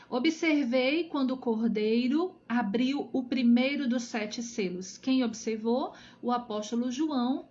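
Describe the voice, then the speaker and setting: High-voiced woman teaching a Bible study. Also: a little mellow. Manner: conversational, checks in with viewers often. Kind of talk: live-streamed Bible study. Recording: dull lo-fi sound.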